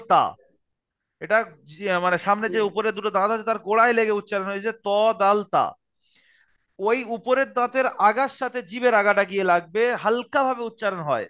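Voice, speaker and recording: A man with a high, bright voice teaches letter sounds over a group video call. He speaks slowly and patiently, stopping to repeat and drill each sound so his students can copy him. His tone stays clear and even throughout. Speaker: Arabic pronunciation teacher. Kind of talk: online Quran-reading lesson.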